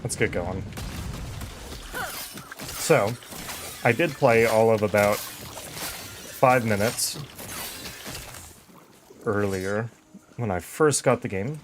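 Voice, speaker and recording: A man's voice: fairly low pitch, background noise. A man giving casual game commentary, easygoing and thinking aloud as he plays. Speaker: game streamer.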